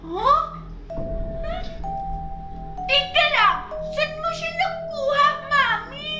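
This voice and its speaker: A squeaky, bratty little cartoon girl, as a woman acts her out, whiny and demanding. Her voice sits extremely high and a little far from the mic. Loud music plays behind. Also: extremely slow, heavily acted.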